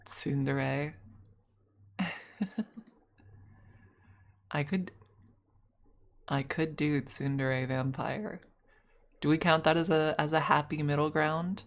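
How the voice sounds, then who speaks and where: A young adult woman streaming, chatting casually and thinking out loud as she plans a role-play with her chat, laughing often and swearing freely. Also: deep voice, level tone, takes it slowly, long pauses. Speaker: ASMR streamer.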